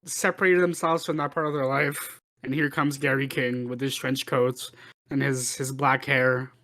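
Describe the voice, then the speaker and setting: A man co-hosting a podcast, talking casually about a film. He rambles, stumbles and repeats words as he works out his thoughts, at an ordinary middle pitch. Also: little pitch movement, normal speed, fairly bright tone. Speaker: podcast co-host. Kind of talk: casual chat.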